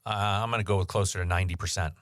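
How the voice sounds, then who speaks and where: A man with a fairly low voice co-hosting a podcast, speaking candidly and easily with the odd joke. The sound is dry and close, with no room echo. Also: fairly even intonation, very fast, a bit bright. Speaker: podcast co-host. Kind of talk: casual chat.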